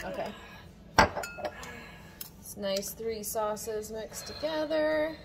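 A woman in her thirties with a slightly high voice talks casually through a food challenge. The phone recording from a kitchen is very noisy, with clicks. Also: very slow, creaky. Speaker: parent joining a hot sauce challenge. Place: home kitchen, indoors. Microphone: phone propped on the counter. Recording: very noisy home video, clicks.

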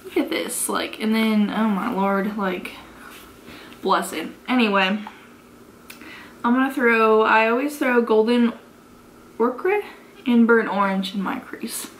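Speaking slowly with long pauses, this twenty-something American beauty vlogger has a slightly high voice, with some hiss or hum on the track. Indoors in a carpeted bedroom, she's drunk and giggly, rambling through a casual makeup tutorial with sweary, unfiltered chatter.

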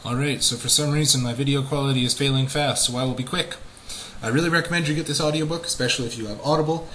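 A young adult man with a mid-range, slightly bright voice talks quickly and with fairly even intonation as he reviews audiobooks to his webcam. He's chatty, casual, emphatic and enthusiastic, recording in a small home room with the mic at arm's length. The recording is rough, with slight background noise.

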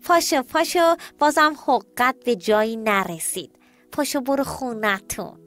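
A woman's voice: on the high side, lively intonation, a bit bright. A woman voicing a clever, cautious rabbit in a children's story, speaking emphatically. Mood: scolding.

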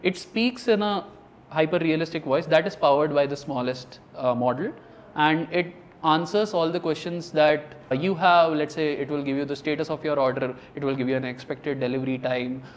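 A man's voice: a little high, normal speed. A man, a startup founder, giving earnest explanatory interview answers with some fillers.

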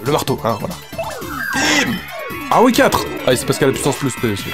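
A man hosts a French let's play, joking, swearing, and reading the game's lines aloud as he plays, all over music. His mid-range voice swings widely in pitch and comes rapid-fire, shifting between sarcastic mutters and profane outbursts.

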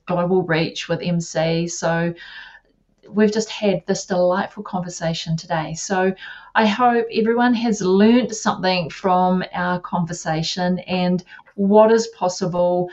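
A woman hosting an interview over a video call, chatty and affirming with many quick agreements. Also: fairly low pitch, darkish tone, muffled recording. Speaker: interview host. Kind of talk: casual interview chat.

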